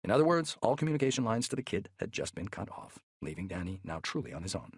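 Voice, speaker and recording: Husky low-voiced male narrator. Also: big pitch swings, fast talker, no room sound, studio quality. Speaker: audiobook narrator. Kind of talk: scripted thriller narration.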